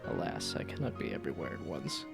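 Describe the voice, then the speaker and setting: A man voicing an imperious, scornful cat ruler in a video game, speaking in a slow, regal way with a low gravelly growl. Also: huge pitch swings, loud music behind the voice, exaggerated voice. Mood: regal, commanding. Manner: slow, regal, formal menace.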